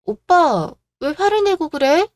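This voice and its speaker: A woman's voice: high-pitched, big pitch swings, moderate pace, no echo. A woman playing a whiny petulant young sister-in-law. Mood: whining. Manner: petulant, whining. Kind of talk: radio drama acting.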